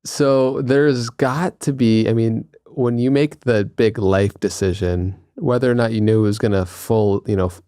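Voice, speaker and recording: A man's voice: lowish voice, fairly even intonation, measured pace, few pauses, mellow, smooth, no room sound, clean studio sound. A man hosting a podcast interview, asking thoughtful, slightly hesitant questions with fillers. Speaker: podcast host.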